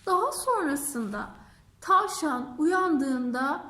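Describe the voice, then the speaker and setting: A woman telling a fairy tale to children as a storyteller, at an unhurried pace. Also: sits high, animated. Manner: slow, warm-paced storytelling. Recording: echoey room.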